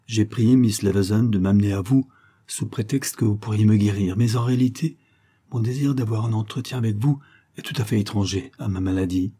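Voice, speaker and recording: A sad young woman who has lost her taste for life, spoken by a male reader in a low, dark and husky voice, quiet and unhurried, with no sparkle in it. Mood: urgent. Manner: quiet, despondent. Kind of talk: audiobook reading.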